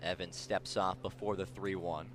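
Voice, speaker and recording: A man with a low voice does live radio baseball play-by-play at normal speed, with background noise behind him. He details every moment descriptively, climbing in excitement as the big plays happen.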